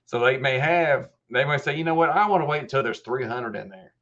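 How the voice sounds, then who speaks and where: This live help desk stream is hosted by a man in his fifties who explains step by step in a casual manner, restarting many times. He speaks fairly quickly in a bright-ish mid-range voice, and the highs are cut off.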